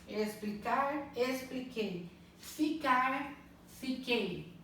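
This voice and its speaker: A woman teaching a primary school language lesson, spelling out words slowly and patiently, often checking that the children follow. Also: high voice, lively intonation, a bit bright. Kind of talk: slow, clearly spelled-out online lesson. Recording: echoey room, mic at a distance, faint noise.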